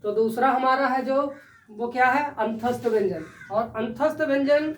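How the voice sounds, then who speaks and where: Slow high-voiced woman teacher, echoey room. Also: distant mic. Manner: slow, repeats questions and answers them herself. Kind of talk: Sanskrit grammar lesson.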